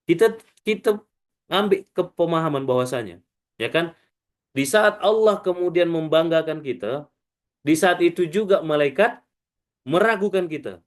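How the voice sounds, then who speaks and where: A man preaching a study sermon in a mosque, asking his listeners questions and having them answer back. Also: a little high. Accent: Indonesian. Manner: animated, call-and-response questions to listeners. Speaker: preacher teaching students.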